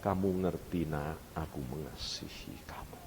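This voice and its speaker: A man voicing God as a gentle, loving male presence, speaking slowly and softly, sinking toward a whisper, in a reverberant hall. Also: wildly swooping pitch, slightly rough. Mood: tender. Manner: slow, low, hushed, drifting into whisper. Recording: reverberant hall with faint rumble.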